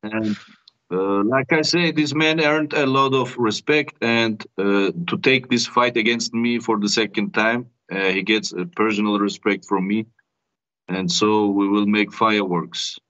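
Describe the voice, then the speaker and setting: Low-voiced non-native man, muffled sound. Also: steady tone, fairly bright tone. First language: not English. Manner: halting, repeats tags like "you know". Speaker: MMA fighter being interviewed. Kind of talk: casual pre-fight interview. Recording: dull, muffled audio.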